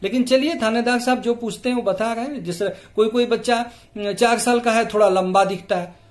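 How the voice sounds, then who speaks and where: A man's voice: very high-pitched, fairly even intonation, fairly quick. A male teacher explaining a storybook lesson to children, patiently quizzing the class and checking they follow. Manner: patient, asks the class questions, tags "है ना" often.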